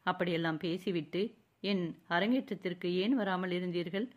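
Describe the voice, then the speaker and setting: A woman's voice: lowish voice, moderate pace, dull audio, lightly acted. Woman reading as a proud, wounded young dancer. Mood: hurt, proud. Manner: bitter, formal, addresses a fawn.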